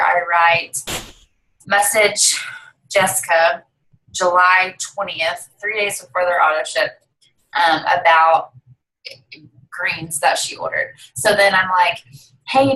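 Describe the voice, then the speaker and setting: Bright-voiced young woman on a video call. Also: on the low side, poor audio. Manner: chatty and upbeat, walks through her routine step by step. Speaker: network marketing distributor and team leader. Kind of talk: casual video call interview.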